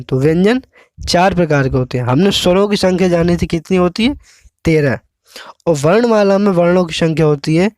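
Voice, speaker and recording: A man teaching an exam-prep lesson, explaining slowly and pausing often to check with the viewer. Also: a little high, darkish tone, dry recording, studio quality.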